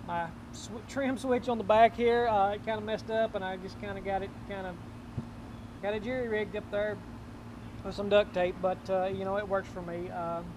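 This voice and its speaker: A middle-aged man hosting his fishing channel, giving a casual, rambling tour of his boat outdoors with lots of ums and uhs. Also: high-pitched. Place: outdoors beside a boat on a lawn. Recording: noisy outdoor camera audio.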